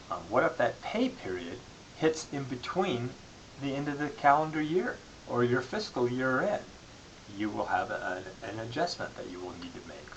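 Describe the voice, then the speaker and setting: A man giving an explanatory lecture as a college instructor, halting and restarting phrases as he goes. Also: lowish voice, fairly bright tone, low-quality recording. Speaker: accounting lecturer. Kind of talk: classroom-style lecture. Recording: clearly audible background hiss.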